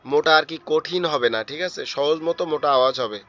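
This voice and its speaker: A hoarse man, teaching an online tajweed class and slowly repeating letter sounds for his students. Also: a little high, pushed and bright. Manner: slow, repetitive drilling of letter sounds. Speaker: Quran teacher. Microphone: online class audio. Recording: dull lo-fi online class audio.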